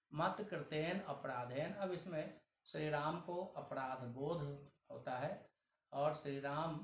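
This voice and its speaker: A male teacher with a Hindi accent reads a Sanskrit text one line at a time and explains each line in plain Hindi. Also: on the high side. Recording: echoey room.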